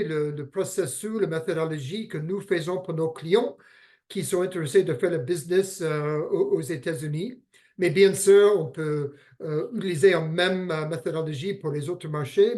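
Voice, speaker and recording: American guy presenting in french on a video call, higher voice, lots of euhs. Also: darkish tone. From United States. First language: English. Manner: halting, many fillers and restarts. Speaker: guest speaker. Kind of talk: online business presentation.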